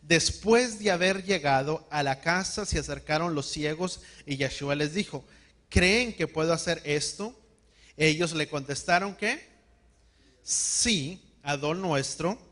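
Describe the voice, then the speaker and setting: A man preaching a sermon, calling on the congregation to repeat words after him and slowing down to stress key words. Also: on the high side, fairly bright tone. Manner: call-and-response, has the congregation repeat words. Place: church hall.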